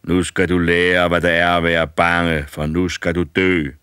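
A man voicing a slow, booming old ghost. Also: level tone, fairly bright tone, clean tone, no echo, clean studio sound. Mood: menacing. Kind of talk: audiobook fairy tale reading.

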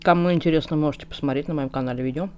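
Low-voiced woman talking with mouth full. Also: very fast, a little hiss or hum. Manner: chatty, relaxed, talking between bites. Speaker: mukbang vlogger. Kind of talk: casual chat while eating.

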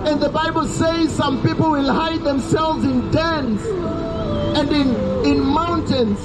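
A man's voice: very high-pitched, loud music behind the voice, over a noisy crowd, poor audio. A man, preaching an urgent open-air sermon by a busy road through a handheld mic and speaker. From Kenya. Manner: loud, urgent preaching with drawn-out warnings. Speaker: street preacher. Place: roadside outdoors by a busy street. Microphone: handheld mic through a portable speaker, camera at a distance. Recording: street traffic noise, open air.

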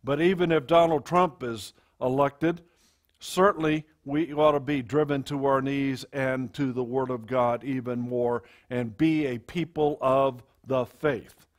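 A male pastor delivers a sermon into a pulpit microphone. He speaks very slowly at a middle pitch, pausing often with fillers and restarting his phrases. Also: steady tone. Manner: slow, halting delivery with many fillers and restarts. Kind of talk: sermon to a congregation.

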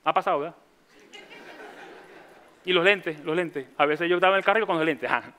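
A man's voice: on the high side, brisk, sharp tone. A man with a Venezuelan accent preaching a sermon, telling his story with humor and acting out the voices of people he quotes.

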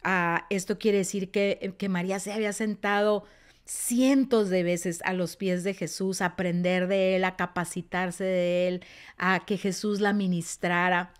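A woman teaching a Bible story, telling it expressively and often dropping to a soft, quiet tone. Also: fairly low pitch, flat delivery, measured pace, clean tone. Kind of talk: teaching sermon.

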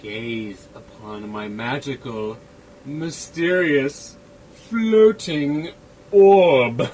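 An actor playing a boastful cartoon villain with a pompous, theatrical, drawn-out delivery. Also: male voice, mid-range voice, lively intonation. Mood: grandly mysterious. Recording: noisy lo-fi video clip playback.

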